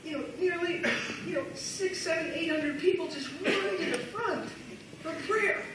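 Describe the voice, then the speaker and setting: A man giving a live sermon, telling a story in a rambling, animated way with many fillers and restarts. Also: very high-pitched, moderate pace, background noise. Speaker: guest speaker. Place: large church hall. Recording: echoey hall from far off.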